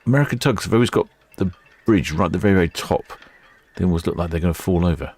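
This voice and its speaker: A man's voice: deep voice, fast talker, darkish tone, husky. A man hosting a casual live ship-spotting stream, chatting and musing as he watches. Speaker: livestream host.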